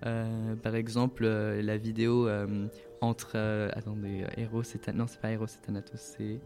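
A man's voice: on the low side, completely flat delivery, moderate pace, mellow, faint music behind. A man explaining video games in a casual talk, hesitant, with many fillers and restarts. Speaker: guest presenting a video game event. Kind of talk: casual radio chat.

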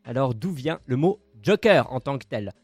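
A man's voice: mid-range voice, expressive, normal speed, darkish tone, dry recording, soft background music. A man co-hosting a casual podcast, presenting a segment in a playful, theatrical, jokey way.

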